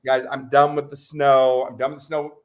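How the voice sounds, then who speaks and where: A man co-hosting a live stream in casual chat, exuberant and jokey, whooping and shouting at times, getting over covid. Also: medium pitch, little pitch movement, normal speed. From Utah. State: recovering from covid. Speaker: livestream co-host.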